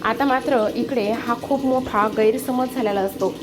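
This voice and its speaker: A woman narrating a recap of a TV serial episode in a steady retelling manner. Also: on the high side, moderate pace. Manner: steady retelling with repeated connective phrases.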